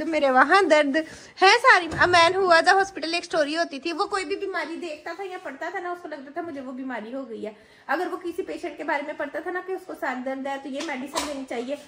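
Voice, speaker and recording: A woman's voice: sits high, brisk, a bit bright, a little hiss or hum, rough recording. A woman in her thirties with a Punjabi accent, chatting casually to camera at home while talking with her kids. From Pakistan. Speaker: vlogger mother. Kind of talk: casual home vlog chat. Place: home bedroom.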